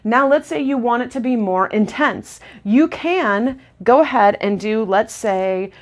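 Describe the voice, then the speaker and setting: A woman demonstrating lash techniques in a casual tutorial, chatty and relaxed with lots of ums and restarts. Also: on the high side, unhurried. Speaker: lash artist instructor.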